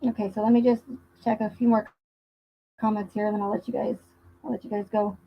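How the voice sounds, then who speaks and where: Here the livestream host's true crime commentary comes in a medium-pitched, flat voice, slightly rough and a little quick. Her casual talk stays emphatic, circling back over points for emphasis, all through muffled, dull lo-fi sound.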